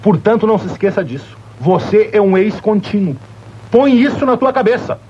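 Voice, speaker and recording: A man's voice: sits high, lively intonation, normal speed, a little mellow, lo-fi sound, a little hiss or hum. An actor playing a domineering, wealthy boss and father who mocks and orders around his employee. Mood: mocking. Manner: mocking, bossy, theatrical.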